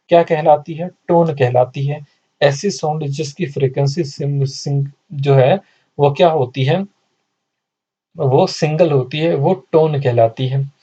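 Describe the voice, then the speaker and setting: A male teacher lectures for exam prep, repeating each point and answering his own questions. His voice is dark and a little husky. The recording sounds dull and lo-fi. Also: a little high. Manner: repetitive, asks and answers his own questions, mixes English terms into Hindi.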